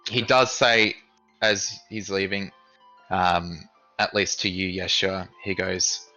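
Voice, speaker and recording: A man narrating as game master of a tabletop game, casual and halting. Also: sits low, steady tone, pushed and bright, highs cut off, soft background music.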